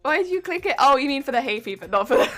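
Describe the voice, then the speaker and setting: Greeting her viewers with chatty giggles, a UK streamer talks casually while crafting at home, soft music playing in the background. She speaks fast in a high, sing-song, slightly bright voice that's weak, warbly and a little stuffed up from hay fever.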